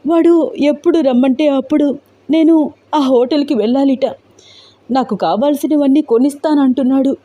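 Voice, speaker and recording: A woman's voice: mid-range voice, normal speed, long pauses, mellow, dull audio, close to an everyday voice. A woman voicing a frightened but resolute young woman who explains herself earnestly in a storybook tale. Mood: tearful.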